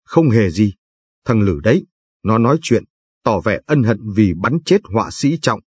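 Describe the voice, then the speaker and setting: A man voicing a trusting, easygoing male commander who speaks calmly and plainly. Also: fairly low pitch, moderate pace, husky, no echo, clean studio sound.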